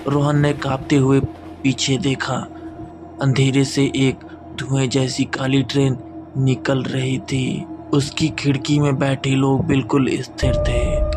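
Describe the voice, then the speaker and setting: Slow gravelly male horror narrator. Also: mid-range voice. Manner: slow, steady suspenseful storytelling. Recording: music underneath.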